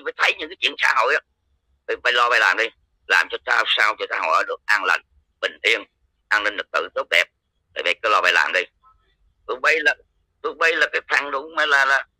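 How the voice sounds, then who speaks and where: A man's voice: medium pitch, sharp tone, dry recording, rough recording. A man with a Southern Vietnamese accent, a lay follower of a religion, giving a heated, coarse, confrontational rant. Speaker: Cao Dai lay follower.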